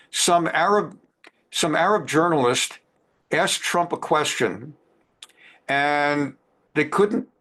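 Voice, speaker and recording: Man, religious teacher, lecture, emphatic, repeats himself, fairly high pitch. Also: fairly bright tone. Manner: emphatic, repeats phrases for stress. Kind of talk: lecture on current events.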